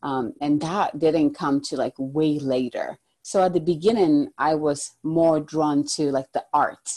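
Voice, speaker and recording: A woman's voice: deep voice, a little slow, mellow. A woman from Ghana speaking reflectively in a casual spiritual conversation, with many fillers.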